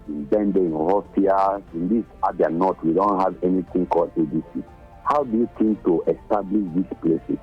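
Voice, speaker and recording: A man calling into a radio show, earnest and halting as he asks his question. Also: low voice, soft background music. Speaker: radio caller. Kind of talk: phone-in call. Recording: dull phone line into radio.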